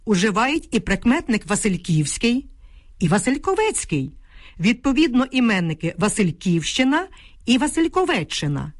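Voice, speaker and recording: A woman's voice: mid-range voice, no room sound, studio quality. A middle-aged woman, a linguist, carefully reading out answers to listener letters in a precise, teacherly manner. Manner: precise, didactic, reads carefully. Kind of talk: scripted radio explanation.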